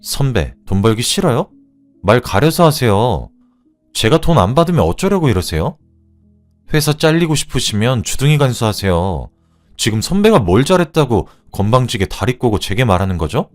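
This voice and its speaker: A man voicing a sharp, cold-spoken young woman civil servant in a storybook drama. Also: medium pitch, big pitch swings, normal speed, soft background music, voice pushed up, lightly acted. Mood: scornful. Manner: cold and cutting.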